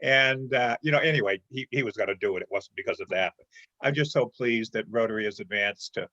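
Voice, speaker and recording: A man's voice: lowish voice, quick pace, bright, forceful tone, dry recording. A man speaking up on a video call, rambling with many fillers. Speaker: club member. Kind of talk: casual remarks on a video call. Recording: muffled video call audio.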